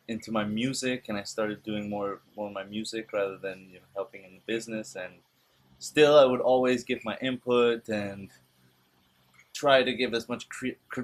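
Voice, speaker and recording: A man's voice: fairly low pitch, fairly even intonation, normal speed, a little hiss or hum. A young adult man, a musician, chatting in an easygoing way in a casual interview. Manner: easygoing with "you know" fillers.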